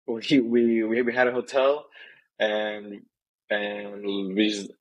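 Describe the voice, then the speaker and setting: Husky young man, rambling chat. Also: on the low side, steady tone, slow pace, muffled recording. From Tijuana and San Diego. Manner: rambling with many restarts and laughs. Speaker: podcast guest. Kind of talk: casual chat.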